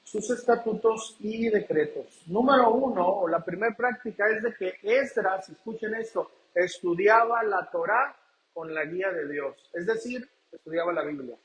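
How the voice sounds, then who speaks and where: A man's voice: high-pitched, moderate pace, fairly bright tone. A man from Mexico preaching a sermon, often calling out to the congregation and asking rhetorical questions. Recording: echoey church room.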